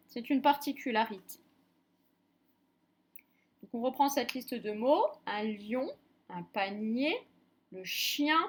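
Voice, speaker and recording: A woman teaching a reading lesson to young children, speaking slowly and sounding out each syllable with careful articulation. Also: on the high side. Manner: slow, clearly articulated, drawing out sounds. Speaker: primary school teacher.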